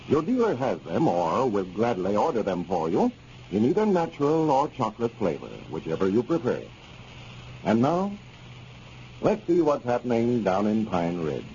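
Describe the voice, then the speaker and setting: A man's voice: medium pitch, dark tone. A man with an American accent speaks as an old radio announcer, reading scripted sponsor copy and story introductions in a folksy, hearty way. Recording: dull, faintly noisy old radio recording.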